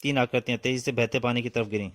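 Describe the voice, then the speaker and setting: A man's voice: medium pitch, fairly even intonation, quick pace, very noisy. A man narrating a comic book story aloud in a vivid, dramatic reading style, speaking sound-effect words as he goes.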